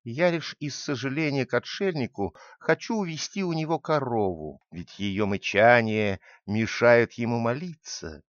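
A man's voice: medium pitch, unhurried, few pauses, no room sound, lightly acted. A man voicing a scheming male thief in a read-aloud tale, in a dull, dry recording. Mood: sly. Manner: pleading then shouting for help.

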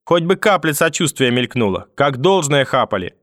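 A man's voice: big pitch swings, normal speed, fairly bright tone, no room sound, studio quality. A man voicing a cruel, bitter old grandmother who curses and shrieks. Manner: shrill, venomous, cursing.

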